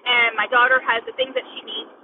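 A woman's voice: on the high side, level tone, brisk. A woman talking over a bad call connection that keeps cutting out, earnest and restarting her phrases in casual debate. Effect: choppy bad call connection. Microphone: remote call audio. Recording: tinny distant noisy call line.

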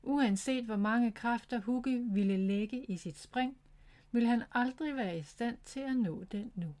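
A woman's voice: fairly high pitch, darkish tone. Woman reading a children's story. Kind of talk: scripted children's story narration.

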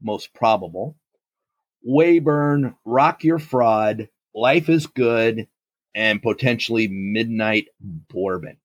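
Gravelly, raspy man hosting a podcast. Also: on the low side, slow, no echo. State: raspy, strained throat. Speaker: podcast co-host. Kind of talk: casual podcast banter.

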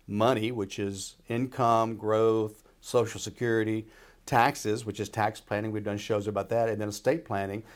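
A man with a fairly low voice explains as an advisor on a radio show. He talks informally and folksily, checking that the listener follows. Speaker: retirement planner and radio show expert. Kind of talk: conversational explaining.

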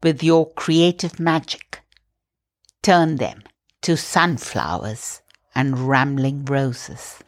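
Slow, low-voiced woman guiding prayer. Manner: slow, soft, calm guiding. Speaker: meditation host. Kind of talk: guided prayer meditation.

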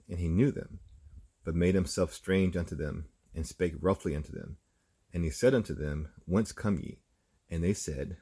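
A man reading scripture aloud in a measured, even way. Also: sits low, slightly rough. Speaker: scripture reader.

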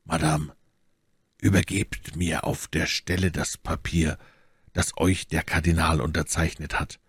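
A man's voice: sits low, fairly even intonation, slightly rough, no room sound, studio quality. A man reading a coldly menacing nobleman. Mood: threatening. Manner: slow, measured, threatening. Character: stern cold nobleman, adult, menacing calm. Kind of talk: audiobook character voice.

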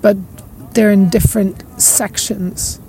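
Slight background noise sits under this podcast host's steady, mid-range voice. She drifts slowly through a lengthy spiritual reflection, laughing softly and letting phrases trail off in repetition.

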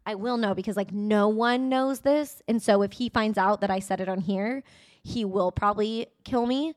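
A woman in her late twenties, a podcast host, telling a personal story in a chatty, animated way. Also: medium pitch, moderate pace. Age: 20s. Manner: chatty, animated, addresses listeners as "you guys". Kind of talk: casual storytelling.

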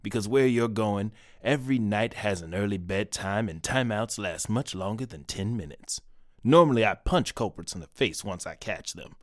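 An actor playing a pompous, oblivious detective in a comedic audio drama. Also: male voice, lowish voice, animated, normal speed, dry recording, clean studio sound, natural voice. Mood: smug. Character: pompous bumbling male detective.

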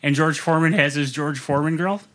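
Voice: medium pitch, fast talker, fairly bright tone. A co-host on a casual film podcast who tells long anecdotes and asks the others questions.

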